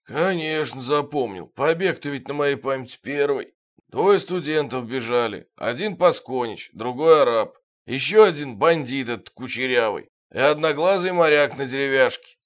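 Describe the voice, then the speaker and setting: A man voicing a one-armed old soldier sergeant in an audiobook, eager, loud and rambling. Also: medium pitch, animated, normal speed, close to an everyday voice.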